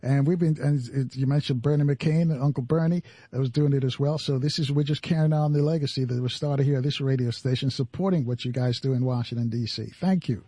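A man's voice: medium pitch, fairly even intonation, a little fast, husky, no echo. A man hosting a radio talk show, chatting with guests with many restarts. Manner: warm conversational, many restarts. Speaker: radio host.

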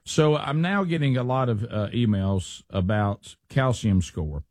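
A man's voice: mid-range voice, expressive, a little slow, darkish tone, no echo, studio quality. A man, hosting a show with folksy, chatty talk full of fillers and restarts. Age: 60s. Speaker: radio show host. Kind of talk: casual chat.

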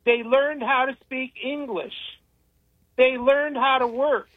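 A man's voice: very high voice, steady tone, slow pace, dry recording. An older man on a radio talk show, rambling and opinionated as he tells stories in casual talk. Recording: tinny phone-line radio sound, dry.

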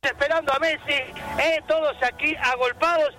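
A man with an Argentine accent reporting live for radio from a stadium, excited and peppering his talk with fillers. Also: extremely high pitch, moderate pace, some chatter behind. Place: outdoors at a stadium. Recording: noisy live stadium feed.

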